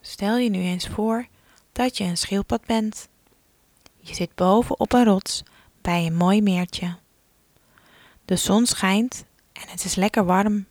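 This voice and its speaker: Slow, soothing woman guiding relaxation. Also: medium pitch, steady tone, no echo. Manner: slow, soothing instructions, often dropping to a soft whisper. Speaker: relaxation guide for children. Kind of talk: guided relaxation exercise.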